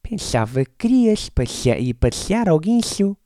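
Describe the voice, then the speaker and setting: A stern, insistent middle-aged mother who scolds and won't take no for an answer, put on by a male comedian. Her voice rises well above his own and gets louder. The sound is dry and close. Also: high-pitched, very animated, a little slow, no echo, voice pushed up, full character voice.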